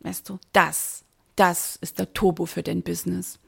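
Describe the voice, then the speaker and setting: A woman coach speaking straight to the listener in a motivational podcast monologue, emphatic and exhorting, stressing key words, with a husky, creaky voice. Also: on the low side, little pitch movement, measured pace, fairly bright tone. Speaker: business mindset coach, podcast host.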